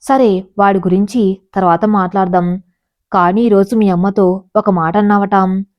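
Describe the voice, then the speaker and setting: A woman voicing a stern middle-aged father who speaks gravely and directly, in a storybook reading. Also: medium pitch, steady tone, normal speed, dull audio, close to an everyday voice.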